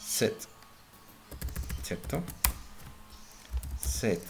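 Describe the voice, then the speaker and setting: A man's voice: drawn-out words, music in the background. A man giving a screen-recorded coding lesson, thinking aloud as he types and often checking in with his viewers. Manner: thinks aloud while typing, frequent "¿cierto?" check-ins. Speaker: programming instructor. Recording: home recording with audible noise. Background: keyboard typing and clicks.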